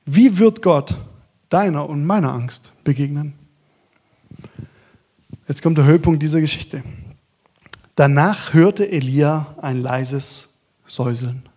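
With a high-leaning voice and lively intonation, a man preaches as a guest, alternating long whispered sections with loud, measured declamation.

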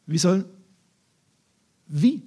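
Husky animated preacher with touch. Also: male voice, high-pitched, extremely slow. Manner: animated storytelling, acting out scenes in voices. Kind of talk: sermon.

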